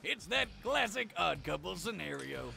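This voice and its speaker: A brash, excitable action-show co-host acted by a man, pitched very high for a male voice and full of gravel. He delivers crude, slangy comic commentary with lively swings, over clear background music. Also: normal speed, full character voice. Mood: joking, hyped.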